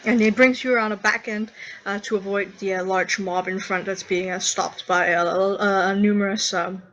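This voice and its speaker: Bright-voiced woman game master. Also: mid-range voice, fairly even intonation, highs cut off. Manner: halting, many fillers, acts out guard lines. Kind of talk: narrating a tabletop game.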